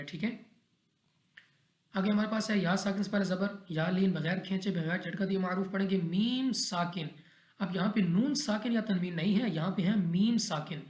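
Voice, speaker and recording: Methodical male recitation teacher, echoey room. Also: high voice. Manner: methodical, repetitive, checks in with "okay". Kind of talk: explaining recitation rules step by step. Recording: echoey roomy recording.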